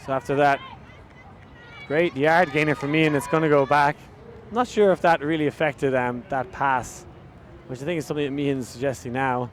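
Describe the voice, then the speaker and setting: A man's voice: steady tone, a little fast, some chatter behind, a little hiss or hum. A man with an Irish accent doing live sports commentary. His voice lifts on big plays, and he chats along with fillers in between. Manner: rises in pitch and volume on big plays, chatty with fillers.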